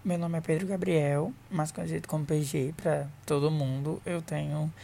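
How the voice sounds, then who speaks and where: A man's voice: a little high, fairly even intonation, moderate pace, gravelly, warm tone, a little hiss or hum. A man, talking matter-of-factly as a podcast guest. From Mossoró, Brazil. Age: 20s.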